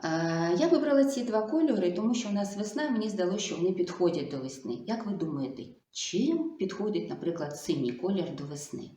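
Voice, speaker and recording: Lady speech therapist talking to little kids, slow sing-songy coaxing voice, echoey room. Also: lowish voice, sing-song, mellow. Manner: slow, sing-song and coaxing, full of diminutives. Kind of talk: video lesson for young children.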